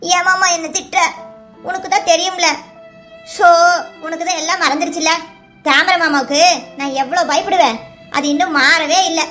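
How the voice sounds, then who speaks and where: A woman voicing a sweet, very high-pitched village girl. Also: fairly even intonation, normal speed, long pauses, bright, forceful tone. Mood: hurt. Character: sweet timid young village girl Mohana. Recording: music bed under voice.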